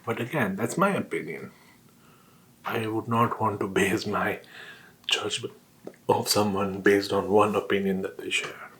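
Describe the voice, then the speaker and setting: A man's voice: fairly low pitch, a little slow, pauses often, fairly bright tone, a little hiss or hum. A man on a casual solo rant, talking while eating with his mouth sometimes full, often asking questions and answering them himself. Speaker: vlogger.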